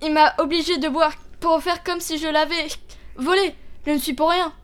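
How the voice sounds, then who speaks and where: A woman's voice: high-pitched, steady tone, normal speed, a bit bright, pitched above the performer's own voice. A woman voicing a drunk, scatterbrained peasant wife in a storybook reading, with rambling, muddled speech. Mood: pleading. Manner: slurred, rambling, muddled words.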